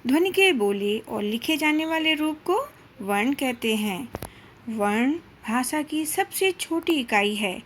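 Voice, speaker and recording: A woman teaching a grammar lesson to children, pronouncing each sound slowly and deliberately. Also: a little high, a little hiss or hum. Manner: slow, deliberate, drawn-out syllables with frequent pauses. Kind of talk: slow classroom lesson for children.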